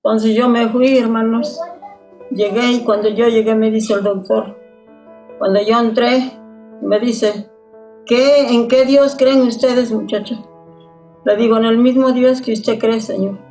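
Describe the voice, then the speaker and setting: A woman's voice: on the high side, steady tone, a little slow, darkish tone, faint music behind, poor audio. An older woman with a Mexican Spanish accent, telling her story in a plain way and often calling her listeners brother. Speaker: church member giving testimony. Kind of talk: spoken testimony.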